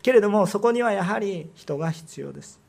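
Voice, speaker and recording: Preaching as a pastor, this man has a voice that sits slightly high for a male, with a gravelly, darkish tone and an animated, brisk delivery. He drives his points home with rhetorical questions, lifting his emphasis upward on the lines that matter.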